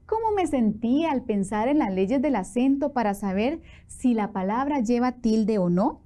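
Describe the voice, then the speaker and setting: A woman teaching a televised class for children, asking questions and encouraging them in a lively way, with a Costa Rican accent. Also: on the high side, measured pace.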